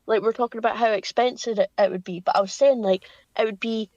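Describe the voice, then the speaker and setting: A young woman, chatting casually as a podcast co-host, full of "like" and quick asides. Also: fairly high pitch, steady tone, a little mellow, no echo. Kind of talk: casual chat. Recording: dry, dull home podcast audio.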